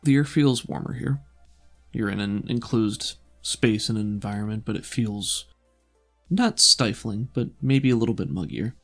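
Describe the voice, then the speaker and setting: A man serves as game master for a tabletop game, narrating in a measured, descriptive storytelling style. His voice is on the low side, with soft background music.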